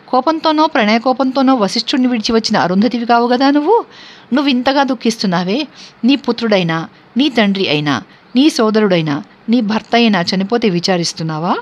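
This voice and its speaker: A woman voicing a humble, devoted male monkey messenger in a scripture reading, with steady, questioning recitation and a dull lo-fi sound. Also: on the high side, natural voice. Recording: dull lo-fi recording.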